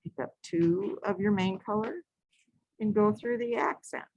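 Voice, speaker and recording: A woman leads a live beading lesson from her craft table, talking slowly and calmly through each step. She repeats each instruction and now and then restarts a phrase. Her voice sounds close and dry, with no room echo. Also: medium pitch, breathy edge, dull audio. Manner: patient, repetitive step-by-step instructions with self-corrections.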